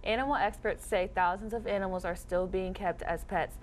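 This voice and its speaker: A woman's voice: mid-range voice, fairly even intonation, a little fast, slight background noise. A woman reading scripted news and handing over to reporters as a newscast anchor.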